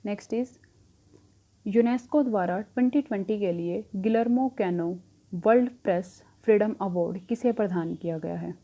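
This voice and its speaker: A woman's voice: medium pitch, normal speed, highs cut off. A young woman teaching current affairs, asking questions and answering them herself, with rhyming memory tricks. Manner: asks a question, then answers it herself, repeating.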